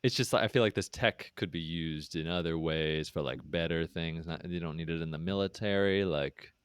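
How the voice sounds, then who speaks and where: A man's voice: low-pitched, moderate pace, clear, resonant tone, dry recording, studio quality. A man from Virginia co-hosting a podcast, chatting casually and rambling with lots of fillers. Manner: rambling, many fillers, animated. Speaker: podcast co-host. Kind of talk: casual chat.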